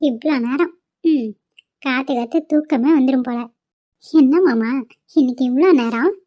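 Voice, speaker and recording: A woman voicing a soft-spoken young wife. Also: high-pitched, normal speed, dry recording. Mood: affectionate. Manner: soft, affectionate. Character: young loving wife, affectionate. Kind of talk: cartoon voice acting. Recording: muffled lo-fi recording.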